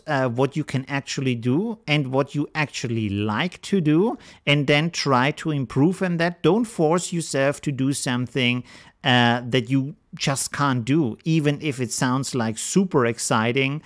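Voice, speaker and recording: A man hosting a video, giving frank, casual advice straight to camera with frequent fillers and restarts, an English speaker. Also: medium pitch. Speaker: video host.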